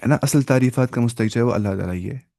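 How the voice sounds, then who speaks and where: Male teacher, patient step-by-step explainer who quizzes his class, warm mellow tone, dry close sound. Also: medium pitch, gravelly, dry recording. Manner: repeats key words and asks the class quick check questions; patient step-by-step explaining, mixing in English terms. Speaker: Arabic teacher. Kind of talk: online language lecture.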